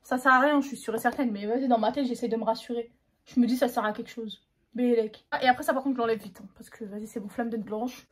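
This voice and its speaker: A woman's voice: on the high side, fairly even intonation, fast talker, slightly rough. Slangy, self-mocking young Frenchwoman. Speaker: beauty vlogger. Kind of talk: casual makeup tutorial chat.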